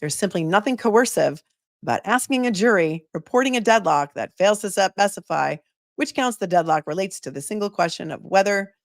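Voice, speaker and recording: A woman attorney who hosts a channel reads a legal brief aloud in a measured, emphatic manner, her voice hoarse from the long read, then chats casually with a guest. Her voice sits on the low side, and the recording is dry and studio-clean.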